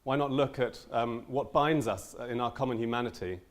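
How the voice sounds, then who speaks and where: Young male teacher, earnest conference speaker, mid-pitched, lots of ums and restarts. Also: a little fast. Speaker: language teacher giving a conference talk. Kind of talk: conference talk.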